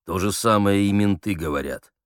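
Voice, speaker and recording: A man's voice: fairly low pitch, normal speed, clean tone, no echo, studio quality, lightly acted. A man doing a coarse gabbling convict. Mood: sullen. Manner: gabbling, swallowing words. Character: coarse, slangy male prisoner actor.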